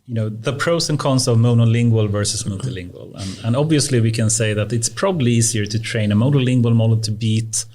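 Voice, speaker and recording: A man's voice: medium pitch, fairly quick, few pauses, darkish tone. Man hosting a podcast. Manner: steers the topic, many fillers. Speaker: podcast host. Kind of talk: casual podcast discussion.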